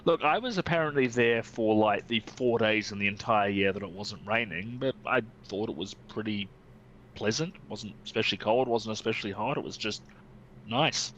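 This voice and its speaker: Man, lower voice, bright and forceful tone, wry casual chat. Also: normal speed, lo-fi sound, slight background noise. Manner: wry, apologetic. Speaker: podcast co-host.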